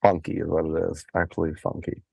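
A man co-hosting a podcast in casual chat, a little hoarse from a slight cold, rambling with fillers and restarts. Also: low-pitched, flat delivery, fast talker, dark tone, dry recording. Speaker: podcast co-host.

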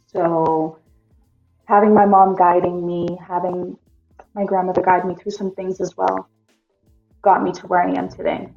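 A woman guest on a podcast speaks in a mellow, slightly low voice, telling her story plainly and matter-of-factly. Her audio comes through dull and muffled, with faint music underneath. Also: flat delivery, unhurried, long pauses. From Greece, raised in Massachusetts. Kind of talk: casual chat.

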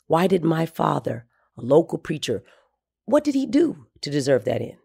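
A man telling the story of his late father in a measured, soft-spoken, reflective narration. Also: on the high side, wildly swooping pitch, gravelly, husky.

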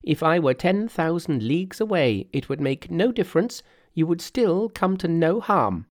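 Bold monkey hero played by a male reader, storybook style. Raised, swooping pitch, commanding and reassuring. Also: big pitch swings, moderate pace. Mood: confident, reassuring. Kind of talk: storybook character voice.

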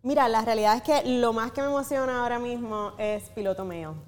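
A woman's voice: a little high, a little fast, long reverb tail. A woman, a company head, explaining her work eagerly as a podcast guest. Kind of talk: podcast interview.

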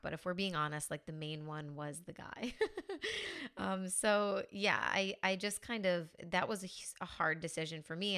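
A young woman from the United States hosts her own podcast in a relaxed, chatty monologue, upbeat and full of "like" and "you know." Her voice sits low for a woman and comes across smooth and clear. She talks as a mindset coach speaking to her listeners.

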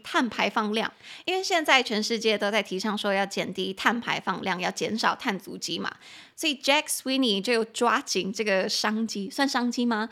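A woman hosting a podcast English lesson, chatty and going slowly when she spells words and syllables. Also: mid-range voice, pushed and bright. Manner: chatty asides to the listener. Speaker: podcast host and English teacher.

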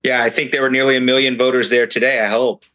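A man who is a county legislator, speaking earnestly as a news guest and pausing often with uh fillers. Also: medium pitch, little pitch movement, pushed and bright. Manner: earnest, halting with frequent uh fillers. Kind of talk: live news interview.

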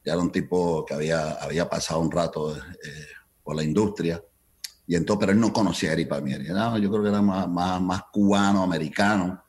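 Middle-aged man, very low voice, animated interview storyteller who slips between Spanish and English. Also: brisk. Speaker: salsa event promoter.

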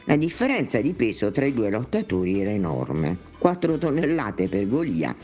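A man narrating a comic sketch in a playful, mock-solemn manner. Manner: lively, playful, shifting pitch.

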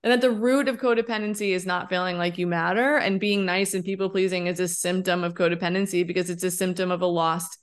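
A woman in her thirties co-hosting a podcast, talking in an emphatic, expressive, candid way and often tossing in a rhetorical "right?". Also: on the low side, fast talker, few pauses, clean tone. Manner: candid, occasionally swearing. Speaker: podcast co-host. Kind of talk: casual podcast conversation.

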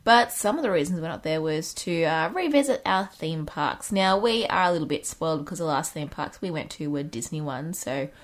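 A woman's voice: sits low, lively intonation, brisk, few pauses. A woman with an Australian accent and a slightly phlegmy, under-the-weather voice, co-hosting a casual chat with dry humour. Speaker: podcast host.

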